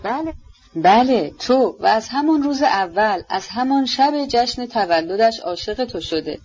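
A woman's voice: a little high, animated, darkish tone, husky. A woman reading aloud, voicing a bitter, jealous, brooding young man who talks bluntly and intensely, in an audiobook. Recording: dull lo-fi recording.

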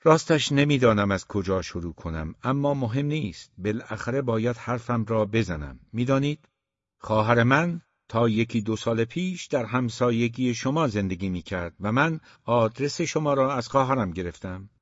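A man reading the part of a polite, smiling young man who has come courting, speaking smoothly and courteously. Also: medium pitch, animated, no room sound, lo-fi sound, natural voice.

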